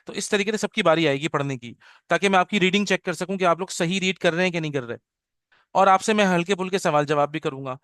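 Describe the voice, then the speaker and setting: A man's voice: high voice, fairly bright tone, no room sound, studio quality. A middle-aged man teaching an online class orientation, switching between Urdu and English and checking in with his students often. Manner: mixes English into Urdu, keeps checking with "okay?". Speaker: Arabic teacher. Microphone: video call.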